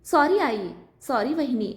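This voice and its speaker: A woman's voice: sits high, expressive, a little slow. A woman reading the part of a jealous young sister-in-law who speaks in a defensive, bitter way. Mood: remorseful. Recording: roomy echo.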